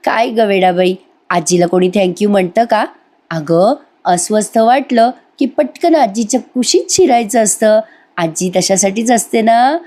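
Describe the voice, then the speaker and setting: A woman's voice: medium pitch, lively intonation, unhurried, a little mellow, close to an everyday voice. Woman doing a fond teasing grandmother. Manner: fond, soothing. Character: affectionate grandmother, gentle and teasing.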